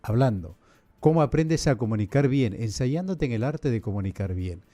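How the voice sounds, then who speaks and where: This podcast is hosted by a priest whose mid-range male voice is mellow yet animated. He explains in a didactic, measured way and leans on frequent rhetorical questions.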